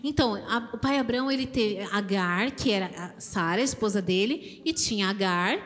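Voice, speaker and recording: A Brazilian woman teaching a children's church service, animated and asking the kids questions. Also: mid-range voice, moderate pace. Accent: Brazilian Portuguese. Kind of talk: children's sermon. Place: church hall. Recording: church hall reverb with music behind.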